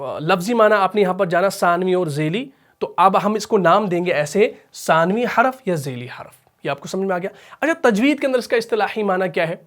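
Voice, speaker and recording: A man teaching a recitation class, explaining patiently and slowly, asking questions and answering them himself. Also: high-pitched. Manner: patient, slow and deliberate explanation. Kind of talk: explanatory lesson.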